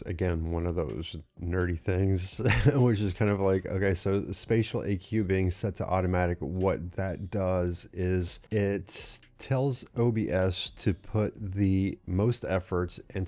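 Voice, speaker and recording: A man with a low, mellow voice walks through settings in a casual tutorial. He rambles a little, leans on fillers and keeps checking in with "right?" as he explains. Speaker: tech tutorial host. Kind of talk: casual screen-recorded tutorial.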